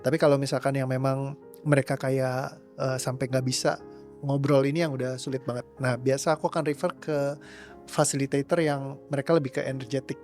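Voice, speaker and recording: A man's voice: mid-range voice, little pitch movement, fairly quick, a little mellow, soft background music. A young man answering interview questions as a coach, rambling casually and slipping English words into his speech. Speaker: trauma release coach.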